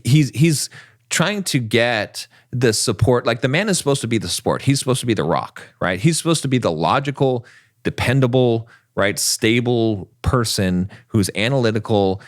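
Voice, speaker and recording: A man's voice: medium pitch, no echo, clean studio sound. A man co-hosting a relationship podcast, talking emphatically and tagging his points with "right?". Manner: emphatic, keeps asking "right?". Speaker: podcast co-host. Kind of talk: relationship advice podcast talk.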